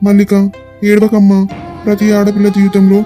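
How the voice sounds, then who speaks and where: A man's voice: high voice, completely flat delivery, fairly quick, dark tone, soft background music, close to an everyday voice. A man voicing a chatty middle-aged brother-in-law in a cartoon, grumbling with humor in a Telangana accent. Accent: Telangana Telugu.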